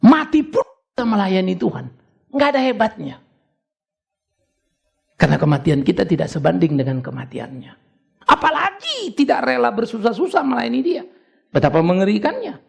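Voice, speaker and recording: Gravelly, animated older preacher man. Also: high-pitched, moderate pace, long pauses. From Indonesia. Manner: conversational preaching with sudden rising exhortations. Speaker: pastor. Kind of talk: sermon.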